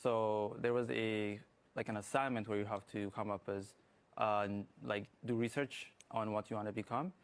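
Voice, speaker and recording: A young man who grew up in Ethiopia, a student guest in a morning TV interview, speaking haltingly with many fillers. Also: on the low side, steady tone. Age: young adult. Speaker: guest, student app developer.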